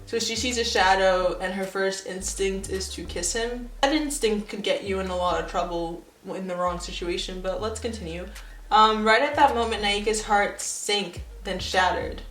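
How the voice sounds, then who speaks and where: A woman's voice: mid-range voice, steady tone, moderate pace, fairly bright tone, roomy sound, low-quality recording. Sarcastic young woman reading aloud. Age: young adult. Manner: sarcastic, self-mocking asides between read passages. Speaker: youtuber reading her old stories. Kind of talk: casual vlog commentary and reading aloud.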